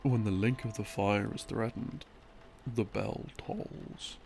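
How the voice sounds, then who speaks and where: Playing a boyfriend explaining game lore, an audio roleplay narrator with a lowish voice tells it as a soft, rambling sleep-aid story. He is breathy, often sinks into a murmur, and breaks his speech into short, halting phrases with long pauses, over soft background music.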